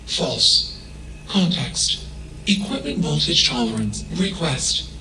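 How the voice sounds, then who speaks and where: Flat emotionless ship AI. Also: male voice, on the high side, takes it slowly, echoey room, crowd noise, poor audio. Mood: flat logical. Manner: flat, emotionless, clipped machine-like statements. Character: emotionless male ship AI, cold and logical. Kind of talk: video game dialogue.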